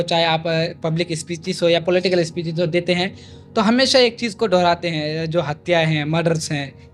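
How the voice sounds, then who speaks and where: A man interviewing a politician, polite, calling him sir and pausing with many hesitations. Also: high-pitched, fairly bright tone. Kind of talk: interview questions.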